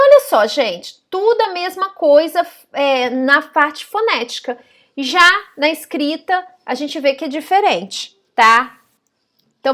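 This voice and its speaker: A woman teaching a recorded grammar lesson, explaining step by step and slowly sounding out words. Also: high-pitched, a bit bright. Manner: patient, explains step by step with frequent "tá?" and "ó".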